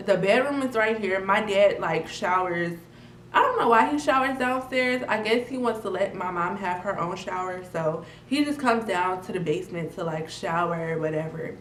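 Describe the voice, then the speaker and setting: Young woman vlogger, animated slangy storyteller, faint hiss behind, middle pitch. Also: distant mic. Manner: slangy, animated storytelling that swings from loud outbursts to mutters. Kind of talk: casual storytime chat. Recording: roomy, off-mic with faint noise.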